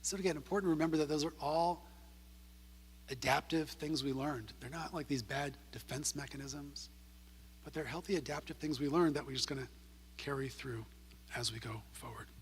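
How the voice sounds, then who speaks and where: A man's voice: a little high, normal speed, a little hiss or hum. A man giving a conversational talk as a counselor, telling a story and tagging his points with "right?". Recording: long reverb of a church hall.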